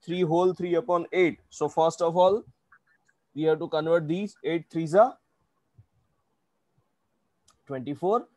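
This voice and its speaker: A man with an Indian accent leads an online maths class in a relaxed, mellow voice. He explains one step at a time and keeps checking that learners follow. The sound is fairly dry, with little room echo. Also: fairly high pitch, normal speed. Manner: checks understanding often with short questions. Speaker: maths teacher. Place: indoors, online video class.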